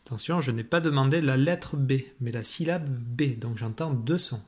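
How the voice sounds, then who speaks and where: Patiently dictating syllables and spelling out sounds and letters, a male primary school teacher runs an online spelling lesson for young children. He talks at a medium pitch and a moderate pace.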